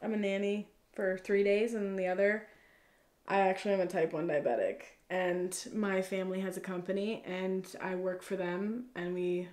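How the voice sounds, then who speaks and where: A woman in her early twenties, soft-spoken and quick to laugh, chatting as a guest in a casual Q&A from a dim bedroom. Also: medium pitch, fairly even intonation, echoey room. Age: 20s. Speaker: guest, girlfriend. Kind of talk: casual Q&A chat.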